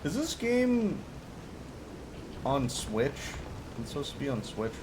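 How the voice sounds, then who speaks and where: A man's voice: mid-range voice, very animated, takes it slowly, background noise. A man streaming a game and joking casually over it in slangy, chatty commentary.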